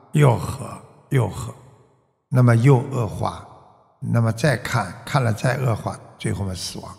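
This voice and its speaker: A man preaching a Buddhist sermon as a master, full of rhetorical questions and drawn-out "ah" particles. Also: fairly high pitch, gravelly, big-room sound.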